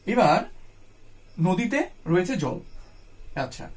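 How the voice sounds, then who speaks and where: A man's voice: sits high, very animated, slow, darkish tone. A man with a Bengali accent teaching a grammar lesson, who repeats each point patiently and asks questions before answering them himself. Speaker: Sanskrit teacher.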